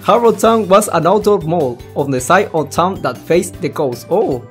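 A man with a high voice talks at a normal pace over faint background music. He's a let's player reading a visual novel aloud and reacting casually, rambling, tripping over words, and swearing mildly.

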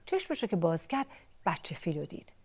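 A woman telling a children's story in a gentle, expressive storytelling manner. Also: lowish voice.

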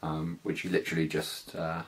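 An extremely low-pitched, flat voice at a moderate pace belongs to a British motovlogger in his thirties. He walks through his gear hands-on in a small living room, casual, slangy and slightly hesitant.

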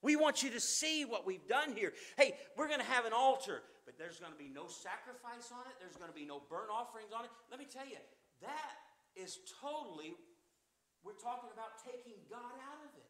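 A man preaching a sermon in a church, fervent, swinging from loud emphasis to quiet asides. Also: extremely high pitch, expressive, brisk.

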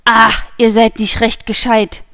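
A woman's voice: fairly high pitch, flat delivery, vocal fry, pushed and bright, no echo, clean studio sound, heavily acted. A woman voicing a scornful cool nobleman. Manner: scornful, unhurried, mocking. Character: haughty, mocking male nobleman, cool and contemptuous.

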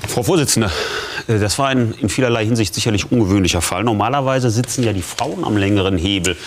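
A man's voice: lowish voice, fast talker, a little hiss or hum. A man in his forties speaking as a prosecutor, making a formal, reproachful courtroom argument. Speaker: public prosecutor on a court show. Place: indoor TV studio courtroom.

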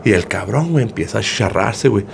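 A man's voice: lowish voice, lively intonation, quick pace, creaky, a little hiss or hum. A man, casually retelling a viral video as gossip, slangy and profane, with a filler word after nearly every phrase. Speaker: gossip storyteller.

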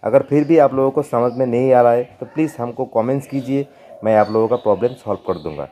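A man hosting a keyboard tutorial, talking slowly and repeating himself, pleading with viewers. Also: mid-range voice, warm tone, lo-fi sound, a little hiss or hum. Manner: slow, repetitive, pleading.

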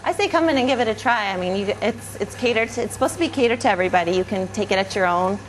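A woman's voice: medium pitch, lively intonation, rapid-fire, low-quality recording. A woman giving a casual interview answer in an informal, rambling way. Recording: faint background noise.

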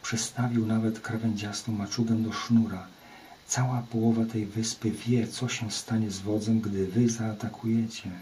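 A man's voice: lowish voice, level tone, moderate pace, mellow, slight background noise, close to an everyday voice. Man voicing a terrified captive warrior. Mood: fearful pleading. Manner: pleading, fearful. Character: frightened captive male island warrior.

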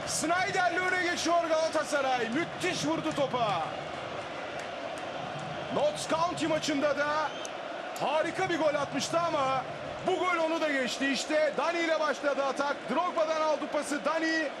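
A man commentating live on football, screaming excitedly and drawing out his words. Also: extremely high pitch, a loud crowd. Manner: screaming, excited goal calls with drawn-out words. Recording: loud noise over the commentary.

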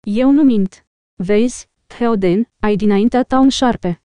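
A woman reading the lines of a stern, wise old wizard in an audiobook, forceful and scolding. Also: a little high, clean tone, dry recording, lightly acted.

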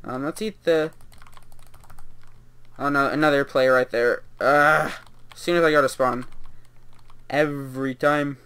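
A man's voice: mid-range voice, measured pace, long pauses, bright, forceful tone, clear, resonant tone. A young man giving casual, rambling commentary while playing a video game, with lots of fillers and laughter. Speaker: gameplay commentator.

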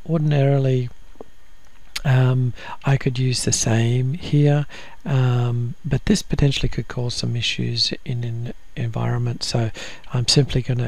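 A man giving a screen-recorded software tutorial, explaining each step methodically with frequent ums and uhs. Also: mid-range voice, vocal fry. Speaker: software instructor.

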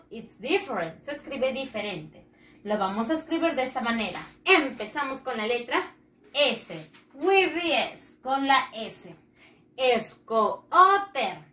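A woman teacher speaks slowly and patiently to small children, her high voice swooping up and down. She says every phrase twice, once in English and once in Spanish, and has the class repeat after her. The room around her sounds echoey. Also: pushed and bright. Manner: leads call-and-repeat drills. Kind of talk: bilingual children's English lesson.

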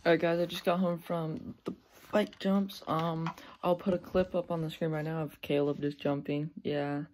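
Low-voiced young woman rambling in a vlog. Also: level tone, normal speed, a little mellow, a little hiss or hum. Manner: rambling, lots of ums and restarts; upbeat, laughs easily. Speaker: vlogger. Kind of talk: casual vlog chat.

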